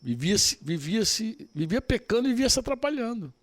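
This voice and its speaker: A male pastor preaches in a relaxed, conversational tone. His voice sits a little high, and he often quotes the people in his stories. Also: a little fast. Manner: conversational preaching, quoting others. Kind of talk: sermon.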